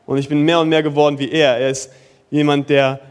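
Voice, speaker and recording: A young man preaching a sermon in a casual, youthful way, dropping in English slang and moving between lively bursts and soft, slow passages. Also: fairly high pitch, clear, resonant tone. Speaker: pastor.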